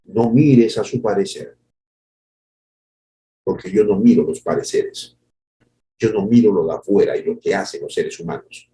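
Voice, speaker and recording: A man preaching a devotional sermon as a pastor, with emotional delivery that swings between soft murmurs and loud cries. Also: mid-range voice. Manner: emotional preaching, acts out voices of others.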